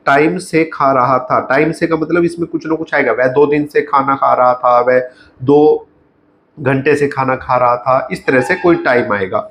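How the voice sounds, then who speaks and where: A man teaching grammar, slowly and repetitively drilling example sentences. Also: a little high, a bit bright, a little hiss or hum. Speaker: English teacher. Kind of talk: explaining grammar on a whiteboard.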